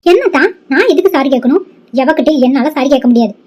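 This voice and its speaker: A jealous young cousin in a cartoon, voiced by a woman, fires off quick, combative scolding. The voice sits high and moves fast. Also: expressive, darkish tone, dull audio. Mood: angry, scornful.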